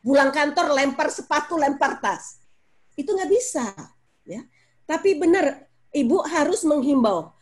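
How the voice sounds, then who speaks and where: A middle-aged woman speaking as a parenting guest on a talk show, expressive and lively, mixing in English phrases. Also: measured pace. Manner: expressive, acts out scolding parent in high voice, mixes English phrases. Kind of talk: animated talk-show explanation.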